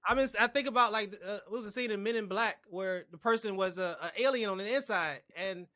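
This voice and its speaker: A married man hosting a casual podcast interview, friendly and quick to laugh while asking questions. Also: high-pitched, pushed and bright, dry recording. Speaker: podcast host.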